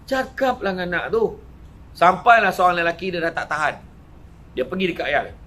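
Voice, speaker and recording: A man with a Malaysian Malay accent giving a lively motivational talk, telling anecdotes in an animated way, jumping between loud outbursts and quiet asides and chuckling often. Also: sits high, fairly quick. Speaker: motivational speaker. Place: event venue before a live audience.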